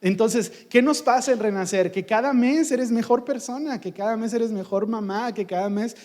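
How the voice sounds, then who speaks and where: Emphatic pastor with a high voice. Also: male voice, moderate pace, a little mellow, big-room sound. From Mexico. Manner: emphatic, rhetorical questions and repetition. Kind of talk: sermon. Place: church.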